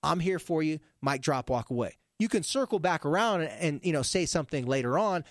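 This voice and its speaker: A male therapist chatting casually, an animated storyteller who jumps between topics. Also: a little high, a little fast, no echo, studio quality. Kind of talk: casual podcast chat.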